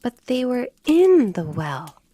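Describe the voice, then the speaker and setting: A woman's voice: a little high, sing-song, slow pace, warm tone, voice pushed up, full character voice. A woman voicing a polite, earnest young girl in a storybook reading. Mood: polite curious. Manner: humble, earnest.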